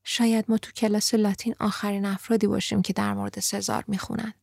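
Brief: earnest teen girl, sixteen, reflective, read by a woman narrator, gravelly edge, dry sound. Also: medium pitch, level tone, no room sound. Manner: earnest, reflective, sometimes laughing softly. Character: serious thoughtful teenage girl, sixteen.

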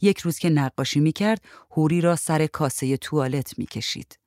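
Low-voiced woman reading a story. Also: no room sound, clean studio sound. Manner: calm, even story narration. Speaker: narrator.

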